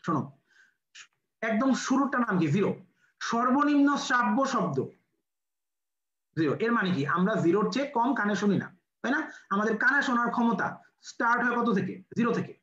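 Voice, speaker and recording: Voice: medium pitch, animated, fast talker, fairly bright tone. A physics lecturer with a Bangladeshi Bengali accent, teaching a class and quizzing students with rhetorical questions while repeating key numbers. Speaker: medical admission physics lecturer. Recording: roomy, dull lo-fi classroom recording.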